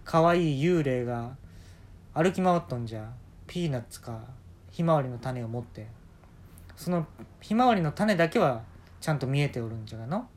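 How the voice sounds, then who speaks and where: A husky-voiced man voicing a bossy old man in work robes who turns out to be a talking fallen leaf, in a drawling old-fashioned way of speaking. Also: mid-range voice, expressive, normal speed, close to an everyday voice. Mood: insistent.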